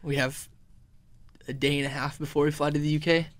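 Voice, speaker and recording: A man's voice: a little high, little pitch movement, a little fast, a little hiss or hum. A young man, a band member guest on a radio interview, chatting easygoingly and often repeating words as he starts. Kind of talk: casual interview chat.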